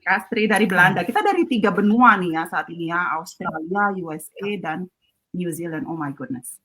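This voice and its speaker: A woman's voice: fairly low pitch, expressive, normal speed, bright, forceful tone, slightly rough. A woman hosting an online talk, friendly and mixing English phrases into her speech over a video call. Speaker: host.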